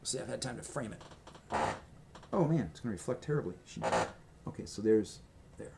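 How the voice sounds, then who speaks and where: Talking into his camera's mic at a table at home, a vlogger rambles through a casual show-and-tell of his merch, chatty and meandering, with plenty of fillers and restarts. His mid-range voice is gravelly, expressive and a little fast. The room has gray walls and a red accent wall, and the recording is very noisy.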